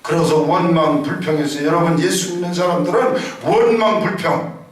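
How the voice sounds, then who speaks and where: Male pastor preaching hard, kinda high voice, big echoey church, mic far away. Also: fairly even intonation, normal speed. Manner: emphatic, with rhetorical questions to the congregation; dramatic, sometimes shouting. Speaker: senior pastor. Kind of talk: Sunday sermon. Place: church sanctuary. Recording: echoey hall, distant mic.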